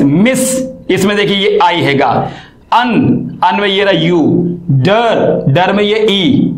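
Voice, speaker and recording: A man's voice: sits high, echoey room. A man teaching an English grammar lesson in a casual, chatty way, asking rhetorical questions.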